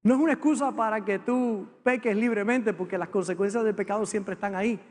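A man preaching a sermon to his congregation, swinging from fervent appeals to a low, intimate tone. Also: brisk. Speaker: pastor. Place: church sanctuary with congregation. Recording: long hall reverb.

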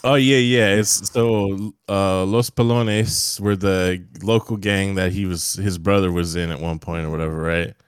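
A young man talks movies with a laid-back, profane, rambling manner. His voice sits very low and comes across smooth and resonant. The sound is close and dry, with no room around it. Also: fairly even intonation, a little slow, hardly any pauses, no room sound. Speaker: podcast co-host. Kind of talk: casual movie-review chat.

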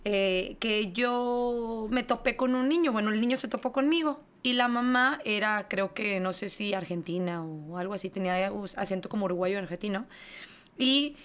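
A woman's voice: medium pitch, moderate pace, fairly bright tone. A woman with a Mexican accent co-hosting a casual podcast chat, laughing often and acting out what other people said. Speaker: podcast co-host.

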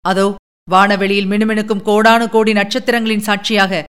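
A woman's voice: medium pitch, flat delivery, moderate pace, a bit bright, clean tone, natural voice. A woman voicing an earnest young nobleman who speaks solemnly and pleadingly to his beloved.

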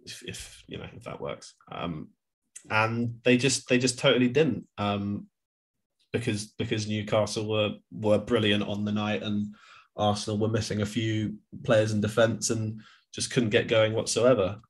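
A man's voice: lowish voice, fairly even intonation, unhurried. A man co-hosting a podcast, chatting casually about football, rambling with lots of restarts and fillers. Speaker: podcast co-host.

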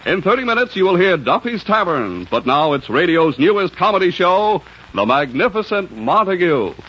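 A man's voice: high voice, sing-song, moderate pace, dull audio, very noisy. A man announcing a 1950s radio comedy show in a formal, showy manner, heard as an old radio broadcast. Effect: old radio broadcast sound.

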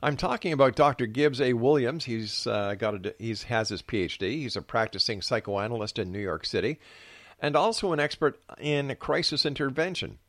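Radio host guy doing his show intro, medium pitch, dry studio sound. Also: animated, moderate pace, fairly bright tone, no echo.

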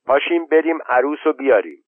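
A man voicing an older village woman, the groom's mother, giving brisk orders in a slightly raised voice. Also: medium pitch, animated, dry recording, lightly acted. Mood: bossy. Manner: brisk, ordering others about. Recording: dry tinny phone-like audio.

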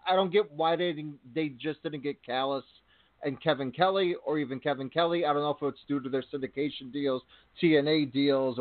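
Man, fairly high voice, laid-back, casual wrestling chat, phone-line sound. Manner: laid-back, laughing easily. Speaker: podcast co-host. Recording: tinny phone-line audio.

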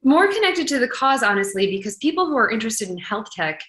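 A woman's voice: on the high side, sing-song, quick pace, a bit bright. A woman being interviewed as a startup founder, speaking candidly and conversationally in jargon-heavy tech-founder talk. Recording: roomy, echoing sound.

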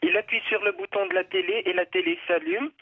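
Man, from Morocco, phone-in caller, hesitant, many restarts, fairly high voice. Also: lively intonation, a little fast, narrow, tinny audio. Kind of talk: telling jokes on a call-in show. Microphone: phone line.

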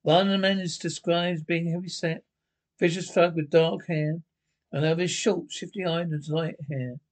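A man's voice: fairly high pitch, fairly even intonation, normal speed. An actor voicing a formal male radio news announcer in a cartoon, heard over a radio. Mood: urgent. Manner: formal, clipped newsreader delivery. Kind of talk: cartoon voice acting.

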